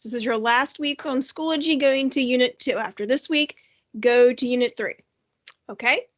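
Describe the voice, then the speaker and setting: Upbeat woman art teacher, high bright voice, asks students questions, online class. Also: moderate pace, muffled recording. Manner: upbeat, talks directly to young students with questions. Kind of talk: recorded online art lesson. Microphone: computer mic, screen-shared lesson.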